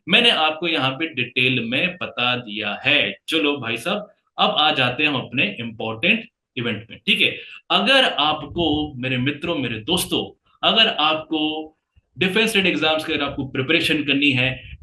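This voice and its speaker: A man's voice: a little high, sharp tone, roomy sound. A man teaching a current affairs lesson in a chatty, casual way, calling his viewers brother and friends.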